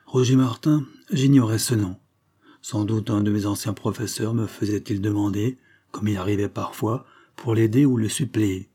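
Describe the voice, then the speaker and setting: A man narrating a story in a measured, literary way as an audiobook reader. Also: lowish voice, fairly even intonation, warm tone, husky.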